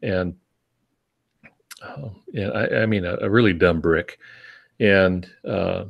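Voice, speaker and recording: An older novelist co-hosting a podcast offers writing advice in casual talk, wry, folksy, and self-deprecating. His low male voice takes things slowly, with vocal fry.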